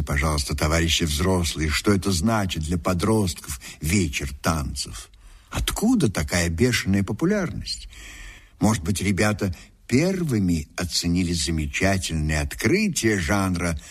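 A man reads documentary narration in a husky, slightly low voice. His pitch moves freely as he shapes each sentence, measured and expressive like a seasoned storyteller.

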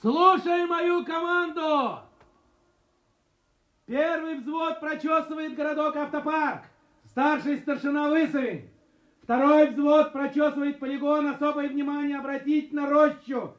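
Male drill-sergeant type: very high shouted commands, deliberate, muffled echoing recording. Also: steady tone. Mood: commanding. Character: army senior lieutenant barking orders like a drill officer. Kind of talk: barked military commands. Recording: muffled, echoing, music faintly behind.

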